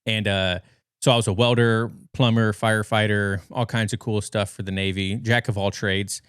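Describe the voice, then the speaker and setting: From a bedroom at home comes a dry, studio-quality recording of a thirtysomething man from the western US, rambling through casual stories as a podcast guest. His fairly low voice stays fairly even in intonation, moving at a moderate pace with a slightly bright, clean tone.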